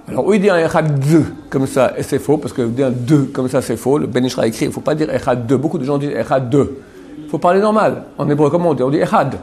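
A man teaching a religious class. He talks in a chatty way, checks often that the class follows, and slowly repeats words to show how they are said. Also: medium pitch, warm tone. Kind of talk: Torah class on Hebrew pronunciation.

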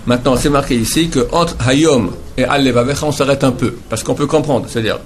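A man teaching a lesson on prayer, patiently repeating words slowly to model how they should be pronounced. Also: medium pitch, slight background noise. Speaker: Torah teacher.

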